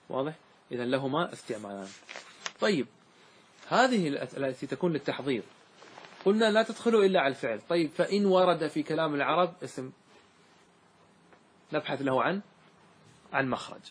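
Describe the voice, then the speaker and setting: A man teaching grammar as a sheikh, chanting verses slowly and often asking his class whether it is clear. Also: fairly high pitch, lively intonation.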